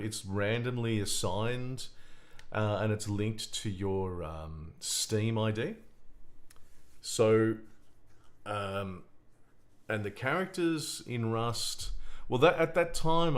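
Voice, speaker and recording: A man with a deep voice telling a personal anecdote in casual conversation, in a halting way with many restarts. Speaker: game design researcher.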